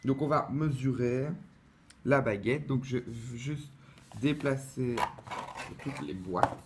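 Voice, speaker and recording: A man's voice: medium pitch, slow pace, noisy background. Chatty man unboxing a collectible. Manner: chatty and hesitant, many fillers and restarts. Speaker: collector unboxing a replica wand. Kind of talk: casual unboxing vlog. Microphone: camera mic, close-up.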